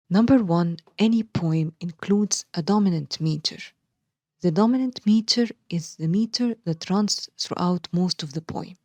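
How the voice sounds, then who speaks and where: Egyptian woman teacher, lowish voice, dry close recording, methodical syllable-by-syllable explainer. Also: no echo. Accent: Egyptian Arabic. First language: Arabic. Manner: spells out stress patterns slowly, syllable by syllable. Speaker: literature teacher. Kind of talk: bilingual explanatory lesson.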